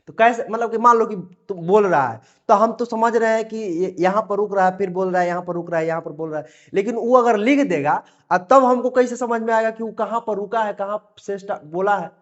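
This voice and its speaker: High-voiced teacher, lo-fi. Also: male voice, a bit bright. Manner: repeats phrases, reads examples slowly word by word. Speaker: Hindi grammar teacher. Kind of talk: classroom lesson explanation.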